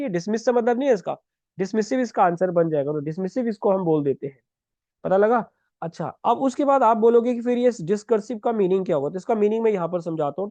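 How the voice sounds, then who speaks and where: A man teaches vocabulary for competitive exams, explaining each word step by step and checking in with his students. His voice sits high, with a mellow, soft-edged tone. The recording is dry, with no room sound, and slightly muffled. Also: dry recording. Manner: explains step by step, often asks "है ना", writing words as he talks. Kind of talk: exam-prep vocabulary lesson.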